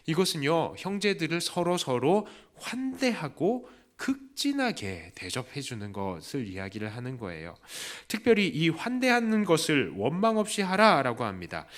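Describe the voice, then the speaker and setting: A male pastor delivers a Sunday sermon in a fairly high voice that rises and falls a great deal. He keeps asking his listeners questions and jumps up to act out the voices of the people he quotes. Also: normal speed, hardly any pauses. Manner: lively preaching with questions to the congregation; acts out quoted voices with raised pitch. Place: church.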